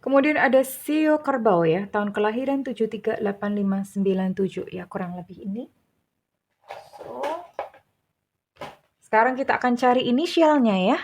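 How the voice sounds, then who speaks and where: A woman's voice: fairly high pitch, animated, moderate pace, pauses often, darkish tone, a little hiss or hum. Chatty woman tarot reader. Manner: chatty, teasing, laughs between remarks. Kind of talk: casual tarot reading to viewers.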